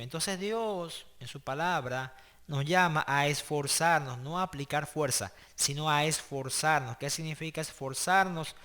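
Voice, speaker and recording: A man teaching a class online, with a bright, forward voice that sits a little above the usual male range. He talks conversationally and keeps checking in with the students. He builds each idea step by step and now and then restarts a phrase as he goes. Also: on the high side. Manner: explains step by step, with hesitant restarts. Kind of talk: online class lecture with prayer.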